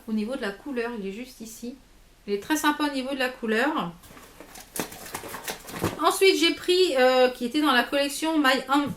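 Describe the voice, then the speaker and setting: Woman vlogger, chatty and halting, fairly high voice, recorded in an echoey room. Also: a bit bright, a little hiss or hum. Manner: chatty, many fillers and restarts. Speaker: beauty vlogger. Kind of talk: casual haul video chat.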